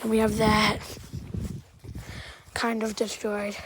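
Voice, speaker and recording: Walking outdoors through storm damage, a woman with a Southern-sounding accent offers halting, rambling remarks that often trail off quietly. Her mid-range voice is completely flat, against a noisy background.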